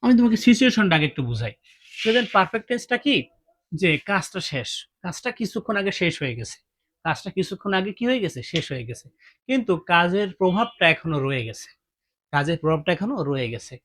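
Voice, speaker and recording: A man's voice: sits high, sing-song, quick pace, a bit bright. A man teaching English grammar, asking his students questions and repeating each point. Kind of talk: classroom-style grammar lesson.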